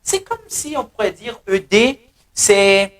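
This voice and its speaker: A man teaching English pronunciation in French, repeating words slowly and drilling the class. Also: high-pitched, fairly bright tone. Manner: switches between French and English. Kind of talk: pronunciation lesson.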